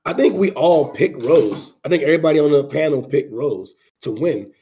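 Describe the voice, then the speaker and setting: A man hosting a casual sports panel discussion, speaking haltingly with repeated and restarted phrases. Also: on the high side, expressive, dark tone, slight background noise. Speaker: panel host.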